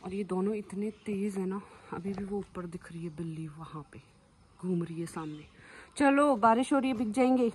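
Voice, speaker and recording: A woman chatting casually in a daily vlog about her dogs, sometimes cooing at them in high baby talk. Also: normal speed, slight background noise, rough recording. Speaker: vlogger and dog owner. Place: home and outdoors on walks.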